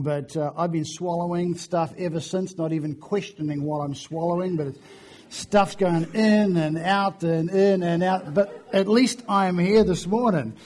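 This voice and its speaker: Hoarse fifty-something preacher, high voice. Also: male voice, a little mellow. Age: 50s. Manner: chatty, self-deprecating storytelling. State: hoarse from flu. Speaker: guest preacher. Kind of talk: sermon. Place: church.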